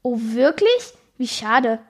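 A girl voicing a naive, dreamy male moth shapeshifter who talks slowly and wistfully. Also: fairly high pitch, very animated, husky, full character voice.

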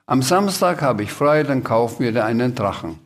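A man giving voice to a patient, sensible father from a children's storybook. He speaks calmly, with mild firmness and little drama. His voice sits near the reader's own. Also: mid-range voice, normal speed, close to an everyday voice.

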